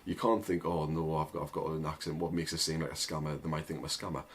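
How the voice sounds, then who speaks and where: Rumbling low and fast, with a breathy edge and fairly even intonation, a young man with a heavy northern English accent offers rambling advice to camera. He runs an agency, vlogs, and leans heavily on "like" and "right?" in this casual talk.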